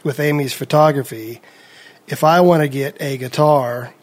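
A man's voice: mid-range voice, fairly even intonation, normal speed, darkish tone. A man hosting a casual podcast interview, easygoing and jokey, telling stories in a chatty way. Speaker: podcast host.

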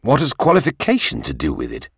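A man's voice: extremely low pitch, big pitch swings, moderate pace, fairly bright tone, no room sound, clean studio sound, exaggerated voice. A man voicing a proud king who answers with indignant insistence.

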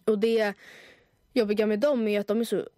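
A young woman co-hosting a podcast, telling stories in a chatty, animated way with lots of fillers. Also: mid-range voice, dry recording, clean studio sound. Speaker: podcast co-host. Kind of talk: casual chat.

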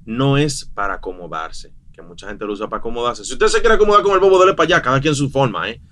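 A man, a new father chatting casually on a podcast, blunt and animated. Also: mid-range voice, fast talker. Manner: animated, blunt, mixes quoted voices into his stories. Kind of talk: casual chat.

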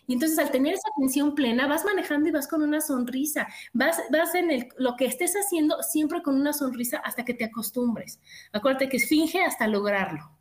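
A middle-aged woman with a Mexican accent, telling stories in an animated, expressive casual chat. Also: high-pitched, brisk. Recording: echoey room.

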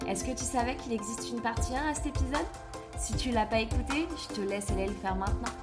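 A woman's voice: fairly high pitch, fast talker, loud music behind the voice. A woman hosting a casual podcast interview, hesitant and thinking aloud with many fillers. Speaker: podcast host.

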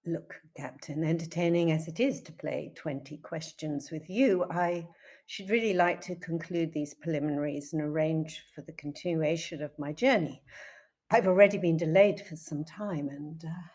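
Woman acting a husky, defiant gentlewoman. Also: low-pitched, normal speed. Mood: impatient, firm. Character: composed, defiant widowed gentlewoman under questioning.

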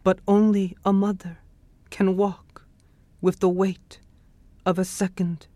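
A poet speaking softly, then reading a poem aloud in a measured way with long pauses. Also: male voice, high voice, level tone, no room sound. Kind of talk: poetry reading.

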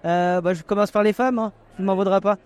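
A man's voice: high voice, steady tone, quick pace. A man hosting a podcast, chatting and teasing guests in casual interviews at an outdoor wine tasting. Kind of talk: casual vox-pop interview.

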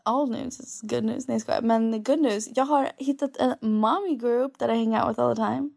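A young woman with a Swedish accent, chatting casually and telling animated stories, slipping English phrases into her Swedish. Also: fairly high pitch, gravelly. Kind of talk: casual chat.

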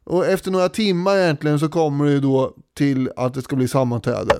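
Man, podcast co-host, casual history storytelling, animated, crisp voice, dry studio. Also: fairly high pitch, no room sound. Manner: animated retelling with frequent fillers.

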